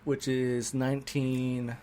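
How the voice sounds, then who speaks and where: A man's voice: mid-range voice, completely flat delivery, slow pace, mellow, a little hiss or hum. A tipsy man co-hosting a casual podcast chat, rambling and chuckling as he talks and swearing freely. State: tipsy from drinking. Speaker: podcast co-host; musician.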